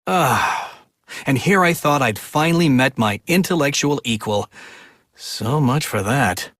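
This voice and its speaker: A man's voice: mid-range voice, expressive, unhurried, a bit bright. A man voicing an arrogant genius riddle-master villain with a pompous, condescending, theatrical manner. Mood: smug, scornful. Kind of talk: villain character acting.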